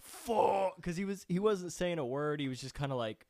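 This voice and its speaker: Animated swearing podcast guy, dry mic. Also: on the high side, a little fast, dry recording. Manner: animated, profane storyteller who acts out other people's lines with loud outbursts. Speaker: podcast co-host. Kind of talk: casual chat, swapping road-trip stories.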